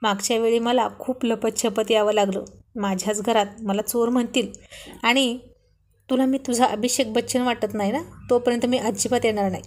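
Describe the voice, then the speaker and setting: A woman's voice: a little high, fairly even intonation, moderate pace, a little mellow, natural voice. Storybook role: playful young husband, read by a woman, light and teasing.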